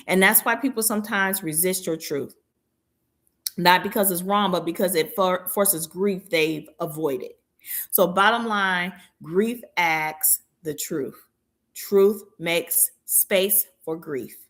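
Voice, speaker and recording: A woman's voice: mid-range voice, fairly bright tone. A woman in her thirties hosting a podcast, giving an earnest, reflective monologue full of rhetorical questions and mid-sentence self-corrections. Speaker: podcast host.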